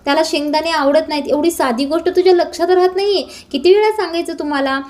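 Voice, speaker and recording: A woman voicing a sharp-tongued older sister who scolds the servants. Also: extremely high pitch, fast. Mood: scolding. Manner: scolding, harsh.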